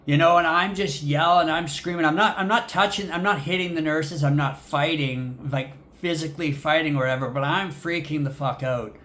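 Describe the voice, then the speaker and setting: A man's voice: a little high, moderate pace, hardly any pauses, a bit bright. A young man casually recounting a personal story, rambling with many fillers and frequent swearing. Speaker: vlogger.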